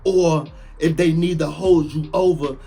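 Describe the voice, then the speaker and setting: A man in his late thirties, a former prisoner, telling his story in casual, animated talk, full of slang and repeating lines for emphasis. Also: fairly high pitch, a little slow, creaky, breathy edge, soft background music. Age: late 30s.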